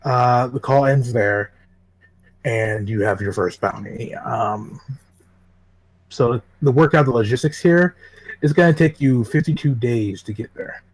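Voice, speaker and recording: A man's voice: mid-range voice, measured pace. Easygoing male game master. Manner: relaxed, casual, a bit rambling. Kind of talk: narrating a tabletop game.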